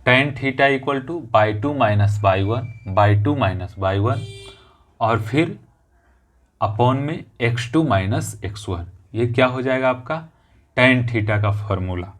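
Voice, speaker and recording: A male math teacher in a classroom who talks slowly and patiently. His voice sits in an ordinary middle range. He repeats each step and keeps checking with his students that they follow. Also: medium pitch. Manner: explains step by step, repeats phrases, often checks with "theek hai".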